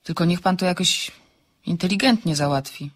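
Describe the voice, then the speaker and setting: A woman playing a wry, sharp-tongued architect. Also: lowish voice, moderate pace, close to an everyday voice. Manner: dry, ironic, decisive. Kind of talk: radio drama acting.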